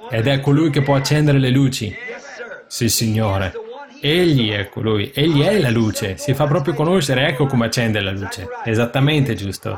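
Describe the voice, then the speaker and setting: A man preaching with fervent conviction, his voice climbing into excited exclamations as he presses his points. He speaks at a middling pitch. A live congregation can be heard clearly behind him. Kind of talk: sermon.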